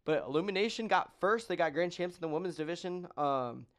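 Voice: medium pitch, expressive, brisk. A podcast host in casual chat, joking and running through long lists of results with many ums.

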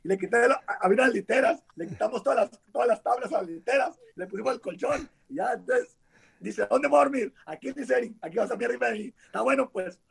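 A man with a Mexican accent telling lively stories in casual chat, acting out quotes. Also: extremely high pitch, fast, creaky, husky. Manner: animated, laughing, acting out shouted quotes. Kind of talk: casual storytelling.

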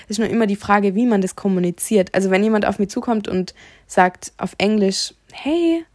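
A young woman hosts a casual solo podcast, talking in a frank and opinionated way. She chats at an easy, mid-range pitch. The sound is close and dry, with no room around her. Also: level tone, brisk, darkish tone, no echo. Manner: frank, chatty, opinionated storytelling. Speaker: podcast host.

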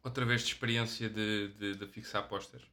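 A young man with a European Portuguese accent, co-hosting a podcast and telling stories in a relaxed way, often dropping an English "yeah". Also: lowish voice, moderate pace, a little hiss or hum. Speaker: podcast co-host. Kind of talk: casual chat.

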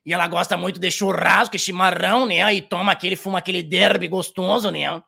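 A man voicing a raspy old chain-smoking woman from southern Brazil with a gaúcho accent, rambling and tagging phrases with "né?". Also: high voice, steady tone, brisk, bright, forceful tone, full character voice. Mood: folksy. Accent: Rio Grande do Sul. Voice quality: gravelly, strained throat. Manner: rambling, tags every phrase with "né?".

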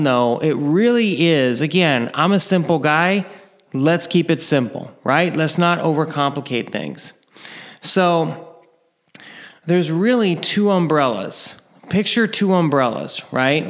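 A middle-aged man teaching real estate investing in a casual talk, repeating points and checking in with "right?" and "okay?". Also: on the high side. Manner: repetitive, checks in with "right?" and "okay?", chuckles often. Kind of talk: informal teaching monologue.

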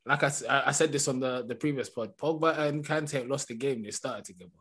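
A man's voice: mid-range voice, brisk, fairly bright tone, slightly rough. A young adult man with a London roadman accent, chatting casually about football as a podcast co-host in slangy street talk. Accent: London, urban slang-heavy.

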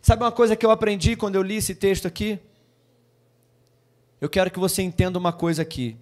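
A man with a Brazilian Portuguese accent preaching a sermon as pastor, swinging between hushed appeals and loud, emphatic calls. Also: high voice, fairly even intonation, brisk. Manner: emphatic, switching between hushed and shouted, voicing excuse-makers.

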